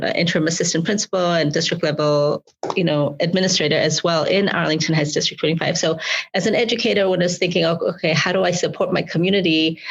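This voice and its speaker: Woman, 40s, from Malawi, school board leader, lowish voice, sincere and searching, lo-fi muffled recording. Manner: earnest, repeats words while searching for phrasing. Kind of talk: interview answers.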